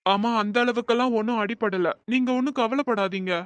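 A woman's voice: fairly high pitch, a little fast, no room sound, close to an everyday voice. A woman voicing a hurt, resentful young husband in a storybook drama, talking plaintively to his mother. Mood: soft. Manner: plaintive, sulking.

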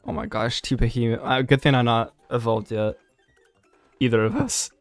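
A young man with a medium-pitched voice talks at a moderate pace on a dry recording, faint music in the background. He's hosting a let's play, full of jokes and energy, chatting over the gameplay and reading its lines out loud.

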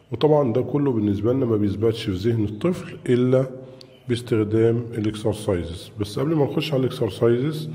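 An Egyptian man teaches a first-grade English review, saying each word twice and then translating it. His voice is very dark and mellow and sits fairly low. A long reverb hangs on his voice in the room. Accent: Egyptian Arabic. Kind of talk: recorded lesson review for young pupils.

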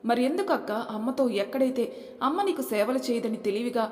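A woman's voice: on the high side, lively intonation, a little fast, a little mellow, natural voice. A woman voicing an angry grown son who accuses his own mother, in a roomy hall with long reverb. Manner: heated, accusing.

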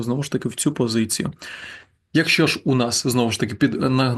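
Male language teacher, patient explainer, mid-pitched, walks through slides and drills example words slowly. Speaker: German teacher. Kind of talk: slide-based grammar lesson.

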